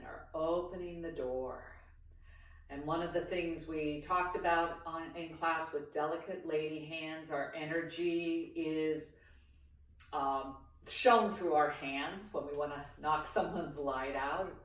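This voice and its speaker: A woman with a low voice leads a beginners' tai chi lesson, recorded at a distance in a very echoey room. She speaks slowly, talking through each movement in short phrases with pauses between them. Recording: very echoey room, far from the mic.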